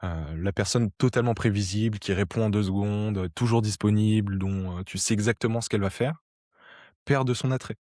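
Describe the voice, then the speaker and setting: A man with a fairly low voice talks through ideas in a relaxed, conversational lesson. He hesitates and restarts often, filling gaps with little pauses. The recording is dry and close, with no room sound. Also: no echo. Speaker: sociology educator. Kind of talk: explanatory talk to camera.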